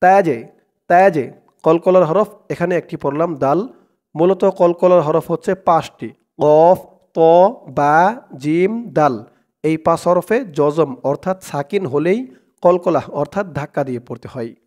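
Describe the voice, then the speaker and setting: A man teaching Quran reading, chanting verses slowly syllable by syllable and then explaining pronunciation rules plainly. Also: on the high side, a little mellow. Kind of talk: slow recitation lesson, syllable by syllable.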